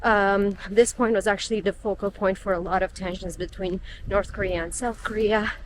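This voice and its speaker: A young woman vlogging her travels speaks in a mid-range voice with fairly even intonation and normal speed, over slight background noise. She's on an outdoor guided tour in cold weather, chatting and explaining things to the camera with many um fillers.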